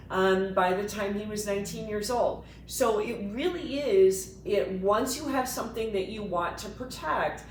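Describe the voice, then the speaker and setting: A woman attorney co-hosting a casual discussion, explaining things in an animated way and laughing easily. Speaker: estate planning attorney, co-host. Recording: echoey room, mic at a distance, faint rumble.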